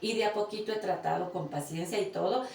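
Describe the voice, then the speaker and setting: A woman's voice: mid-range voice, fast talker, creaky, a little mellow. A woman from Ecuador, a daughter caring for her mother, telling her story in an earnest, emotional way in a casual conversation. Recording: roomy, distant mic with faint noise.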